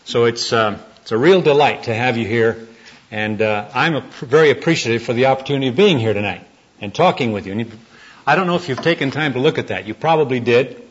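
A husky-voiced man preaches at a church gathering with a folksy, earnest storytelling manner. He was born in the United States. The recording is muffled and lo-fi. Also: medium pitch, fast talker. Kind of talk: sermon with storytelling. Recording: dull lo-fi recording.

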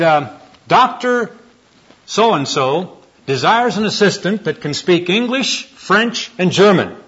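Man, preacher, born in the United States, folksy storyteller, husky voice, dull lo-fi recording. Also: fairly high pitch. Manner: folksy storyteller, gentle and earnest. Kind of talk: sermon with storytelling.

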